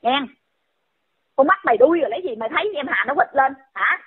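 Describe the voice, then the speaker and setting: A woman's voice: high voice, animated, fast talker. A woman, scolding someone in a heated rant and firing off repeated insulting questions. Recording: tinny phone-line audio.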